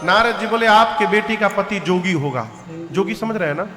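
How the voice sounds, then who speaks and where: A middle-aged man preaches in a high, ringing voice. He acts out each character as he tells the story and slides into chanted verses. His voice rings out across a big reverberant hall over devotional music. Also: moderate pace. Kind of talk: devotional katha sermon with sung verses. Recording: large hall with long reverb. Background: devotional music playing.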